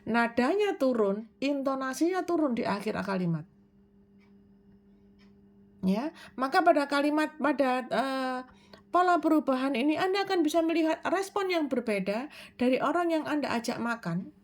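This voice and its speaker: A woman with a high-pitched voice talks viewers through self-improvement advice. She is measured and explanatory, asking questions aloud and answering them herself, with frequent hesitation fillers. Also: animated. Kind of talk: explanatory self-help talk.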